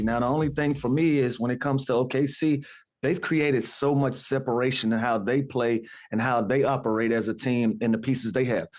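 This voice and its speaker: A man co-hosting a sports talk show, giving steady, analytical takes with a few restarts, on a video call from a hotel room. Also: medium pitch. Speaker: co-host, basketball analyst.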